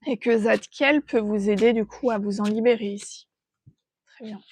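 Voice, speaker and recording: A woman giving an intuitive tarot reading, thinking aloud in a gentle, hesitant way as she feels out the cards. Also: mid-range voice, normal speed, no echo. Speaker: tarot reader.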